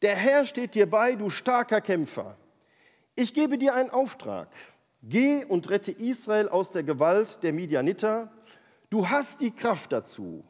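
A man's voice: high-pitched, big pitch swings, measured pace. A man voicing God, commanding and reassuring, speaking in a solemn, emphatic way. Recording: long hall reverb.

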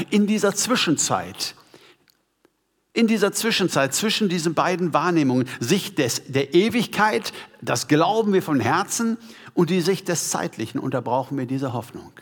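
A man preaching a sermon to a congregation, emphatic and asking them rhetorical questions. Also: a little high. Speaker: pastor. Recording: long hall reverb.

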